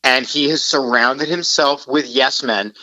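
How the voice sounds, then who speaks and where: A man's voice: mid-range voice, a little slow, pushed and bright, dry recording, lo-fi sound. A man calling in as a guest on a sports talk show, talking in a sarcastic, emphatic way. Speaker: guest podcaster. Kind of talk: casual sports chat. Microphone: phone call.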